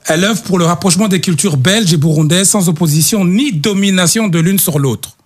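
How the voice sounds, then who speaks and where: Casting note: middle-aged man, husky, slightly high voice, earnest guest who stumbles and repeats words. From Belgium. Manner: halting, repeats words while searching for them. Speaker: guest, association representative. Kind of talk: earnest testimony in a talk show interview.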